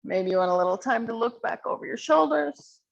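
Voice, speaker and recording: Female yoga teacher, calm encouraging cues, some vocal fry, muffled recording. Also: a little high, a little fast. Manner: calm, encouraging cueing of poses. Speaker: yoga instructor. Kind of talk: guided yoga class instruction.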